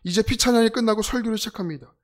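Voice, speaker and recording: A man's voice: sits high, racing. A middle-aged man from South Korea preaching a sermon, telling stories with humor and acting out the voices of people in them. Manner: animated, acts out quoted voices. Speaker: pastor.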